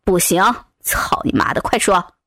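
A woman's voice: fairly low pitch, sing-song, a little slow, a bit bright, no room sound, studio quality, voice pushed down, exaggerated voice. A woman voicing a crude, domineering man who curses and barks orders, dropping far below her own voice. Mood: gruff bullying. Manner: coarse, bullying, swearing. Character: crude domineering male thug, adult man.

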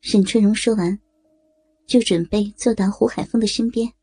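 A woman narrating an audio story in a slow, even storytelling manner. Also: mid-range voice, breathy edge, dry recording, soft background music.

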